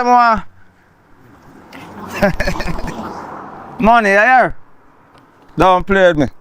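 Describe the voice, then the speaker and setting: High-voiced Jamaican man, boastful and threatening. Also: fairly bright tone, smooth. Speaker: actor in comedy film. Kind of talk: Jamaican comedy film acting.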